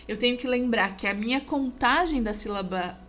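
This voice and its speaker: Woman teacher, fairly high voice, measured slide narration, faint background noise. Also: fairly bright tone. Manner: clear, measured, stresses example words. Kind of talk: narrated review over slides.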